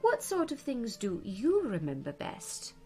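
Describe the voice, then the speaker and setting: A woman's voice: a little high, huge pitch swings, unhurried, mellow, soft background music, pitched above the performer's own voice, exaggerated voice. A woman voicing an earnest, puzzled, polite young girl in a storybook, with a questioning manner. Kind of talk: storybook character voice.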